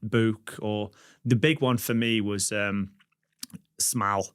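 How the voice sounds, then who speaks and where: Low-voiced relaxed man host. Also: unhurried, smooth, dry recording, clean studio sound. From Stoke-on-Trent, England. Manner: constant yeahs, relaxed questions. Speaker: podcast host. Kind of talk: casual conversational interview.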